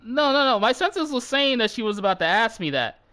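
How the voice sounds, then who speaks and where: A young channel host tells a story in a loose, animated way, a little fast, with his pitch swinging widely between lines. He swears freely and bursts into laughter, like someone chatting to viewers while gaming.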